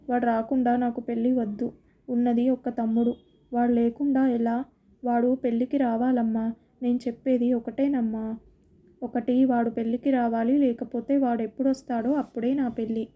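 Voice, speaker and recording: A man's voice: very high-pitched, warm tone. A woman reading a story aloud, voicing a determined young man who insists firmly to his mother. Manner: firm, insistent pleading.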